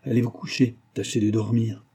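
A man's voice: mid-range voice, level tone, a little fast, mellow, husky. A man voicing a stern, grave husband in a read-aloud novel, cold and commanding. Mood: hushed.

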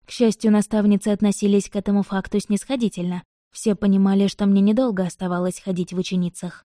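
Woman narrating with a mellow tone. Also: mid-range voice, fairly even intonation, quick pace, no echo, clean studio sound. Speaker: audiobook narrator. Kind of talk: audiobook narration.

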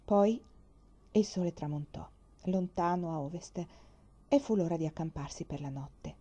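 A woman reading a children's novel aloud, narrating in a calm, measured way. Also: lowish voice. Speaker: audiobook reader. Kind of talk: scripted storybook narration. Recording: muffled lo-fi recording.

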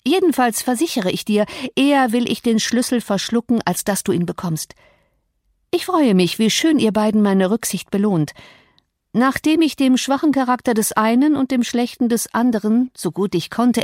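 A woman's voice: on the high side, darkish tone, dry recording, studio quality, voice pushed up, close to an everyday voice. A woman voicing a proud, volatile young woman who speaks in a cutting, imperious way in an audiobook. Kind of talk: audiobook character reading.

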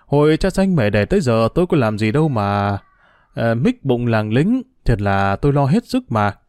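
A man's voice: mid-range voice, sing-song, moderate pace, darkish tone, clean tone, no echo, studio quality, natural voice. A man doing a fretful old boatman. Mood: deferential. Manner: deferential, fretful exclamations. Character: humble older male ferry boatman, anxious.

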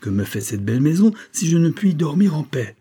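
A man's voice: on the low side, a little fast, husky. A man reading an audiobook voices a spoiled young nobleman who rants in fury. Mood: furious. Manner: ranting, shouting.

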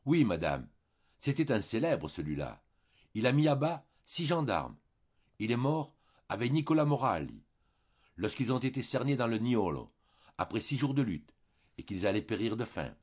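A man voicing a weary, sickly Corsican villager who speaks in a dragging monotone. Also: on the low side, normal speed, muffled recording. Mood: proud.

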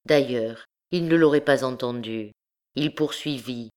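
A woman with a notably low voice narrates a classic novel in a measured, expressive audiobook reading. She paces each sentence with care, letting the prose carry its drama. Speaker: audiobook reader.

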